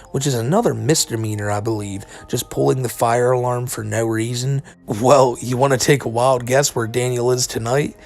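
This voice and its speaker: A man narrates a commentary video, reacting to internet drama with casual disbelief, sardonic informality and the odd swear word. His voice is medium-pitched and darkish, with vocal fry.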